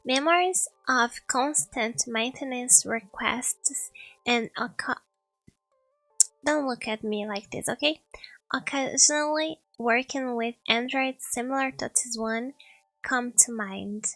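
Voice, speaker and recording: A woman's voice: a little high, takes it slowly, fairly bright tone, dry recording, faint music behind, low-quality recording. A woman streaming a story game, chatting casually and reading its text aloud, giggling and tripping over words. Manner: giggly, trips over words and laughs at herself.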